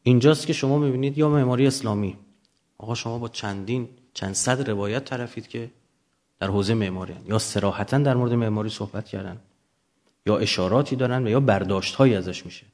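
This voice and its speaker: A man gives an extemporaneous lecture in a mid-pitched voice. He explains things didactically, setting up questions and then answering them as a teacher does with students. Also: a little mellow.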